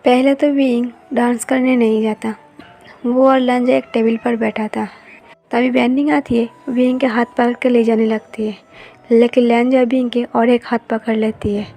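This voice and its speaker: A woman narrating a fan fiction love story in an even, steady reading voice. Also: fairly high pitch, normal speed. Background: faint background music.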